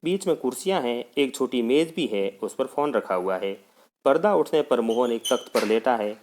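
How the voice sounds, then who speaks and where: A male teacher reads a school text aloud to children and then explains it in plain words. His delivery rises and falls a lot, with a mid-range voice that keeps the lesson animated. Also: mid-range voice, normal speed. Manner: addresses children, explains idioms.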